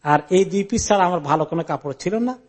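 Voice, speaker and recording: A man with a high voice delivers a Quran commentary lecture. He recites Arabic narration and explains each part. He retells the story in the first person and mixes English words into his speech. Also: fast, breathy edge.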